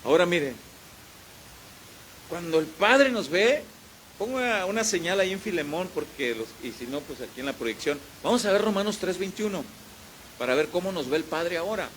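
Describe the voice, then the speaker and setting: A man with a Mexican accent, a pastor preaching a sermon in church, animated and storytelling, swinging between loud and quiet. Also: high-pitched, normal speed, a little hiss or hum, poor audio. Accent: Mexican Spanish.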